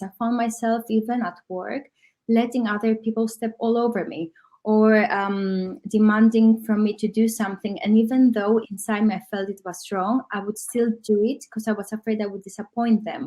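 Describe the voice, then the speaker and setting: A woman from Greece, a coach who speaks as guest in an online workshop, reflective and often pausing with um. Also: mid-range voice, mellow. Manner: reflective, with frequent ums.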